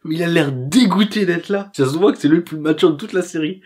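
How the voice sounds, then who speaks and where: A man's voice: a little high, quick pace, a little mellow. Sarcastic young man reacting to clips. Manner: sarcastic, joking. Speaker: YouTuber. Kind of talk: comedic reaction commentary.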